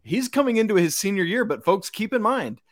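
A man's voice: sits high, big pitch swings, fairly quick, no room sound, clean studio sound. A man with a Georgia accent hosting a sports podcast, exclamatory and folksy, addressing listeners like buddies. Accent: Georgia, American South. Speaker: podcast host.

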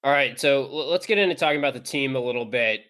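A man's voice: mid-range voice, quick pace, fairly bright tone, smooth. A man hosting a sports podcast, steering the talk with loose, friendly questions. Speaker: podcast host. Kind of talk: casual podcast chat.

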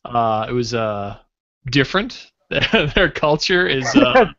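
Lively, bright-voiced man. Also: mid-range voice. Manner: joking, quick banter. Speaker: podcast host. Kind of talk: casual chat. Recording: muffled lo-fi podcast audio.

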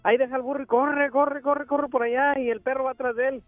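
A man's voice: extremely high pitch, level tone, quick pace, no echo, narrow, tinny audio, faint music behind. A man, a radio show comedian, joking and mocking himself while telling a joke.

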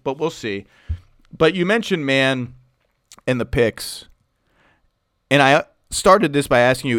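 A man hosting a casual sports podcast, animated and rambling, tired from too little sleep. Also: on the high side, no room sound, clean studio sound. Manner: animated, rambling, asks long questions. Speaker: podcast host. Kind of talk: casual basketball podcast talk.

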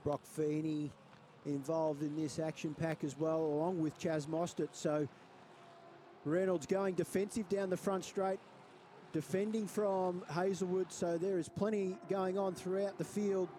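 A man gives expert motorsport commentary in a notably high, mellow voice. He explains racing moves in a conversational way, restating himself as he goes. Engine and trackside noise runs clearly behind him. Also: little pitch movement, a little slow. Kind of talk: live analytical motorsport commentary. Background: race cars, outdoor circuit ambience.

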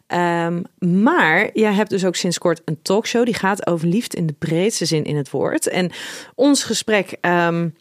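Woman, interview host, encouraging and conversational, slightly low voice, dry close sound. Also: unhurried, no echo.

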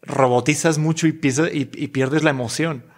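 A man's voice: fairly high pitch, fairly even intonation, normal speed. Spanish man chatting loosely as guest. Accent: Spanish from Spain, mixed with Mexican slang. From Spain. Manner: rambling, swears freely, self-mocking. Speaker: podcast guest, actor. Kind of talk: casual podcast chat.

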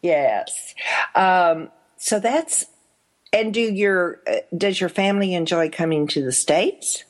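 Slow, unhurried woman interviewer. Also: on the low side. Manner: unhurried, frequent affirming interjections. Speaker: interview host. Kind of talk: casual interview talk.

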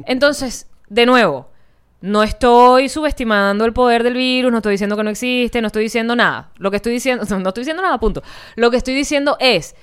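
A woman's voice: on the high side, fairly quick, clean tone. A woman with a Venezuelan accent co-hosting a casual podcast, joking and teasing, dropping in English phrases. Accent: Venezuelan Spanish. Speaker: podcast co-host. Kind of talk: casual chat.

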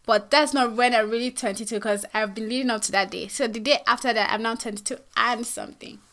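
A woman in her twenties co-hosting a casual podcast from a studio, chatty and quick to laugh. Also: fairly high pitch. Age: 20s. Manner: bright, chatty, laughs easily. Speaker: podcast co-host.

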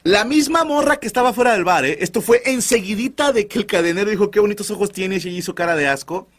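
A Mexican man hosting a comedy podcast, telling stories loudly with crude slang and jokes. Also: sits high, fast talker. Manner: crude, animated, joking slang. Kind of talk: loud comic storytelling.

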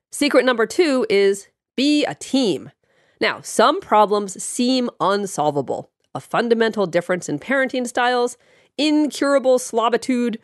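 A woman's voice: medium pitch, dry recording. A woman presents a scripted advice podcast in a froggy voice, congested from a cold. Her phrasing is chatty and lightly playful. The sound is close and dry. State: getting over a cold, froggy voice. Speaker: podcast host, psychologist.

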